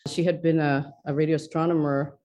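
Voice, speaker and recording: A woman's voice: low voice, flat delivery, fairly quick, darkish tone. A middle-aged woman from Ecuador, a neuroscientist, speaking thoughtfully in an interview with many fillers and restarts. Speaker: neuroscientist guest.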